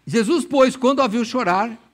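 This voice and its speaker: A man's voice: very high-pitched, moderate pace. A Brazilian man in his sixties preaching a sermon in church, telling stories with humor and acting out imagined dialogue. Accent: Brazilian Portuguese. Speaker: pastor. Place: church, evening service.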